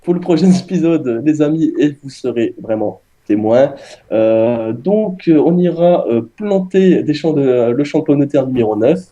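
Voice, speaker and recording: A man's voice: medium pitch, lively intonation, moderate pace, mellow, lo-fi sound. A man hosting a casual multiplayer farming game session, chatting with friends and addressing viewers, with many hesitant fillers. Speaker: gaming video host. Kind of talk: casual multiplayer gaming chat.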